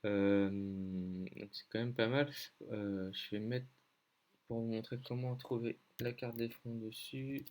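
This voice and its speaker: A man's voice: mid-range voice, flat delivery, slow pace, darkish tone. A man from France giving a casual screen-share lesson on weather maps, hesitant, with many fillers as he thinks aloud. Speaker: weather-map tutor.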